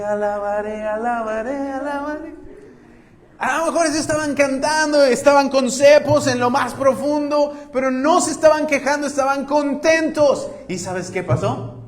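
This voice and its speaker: A male pastor preaching a sermon, retelling a story with lively rhetorical questions and touches of humor. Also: extremely high pitch.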